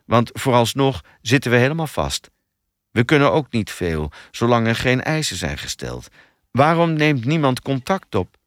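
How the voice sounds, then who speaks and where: A man's voice: mid-range voice, very animated, normal speed, a bit bright, no room sound, clean studio sound. A man voicing a level-headed male police detective who talks in a matter-of-fact way.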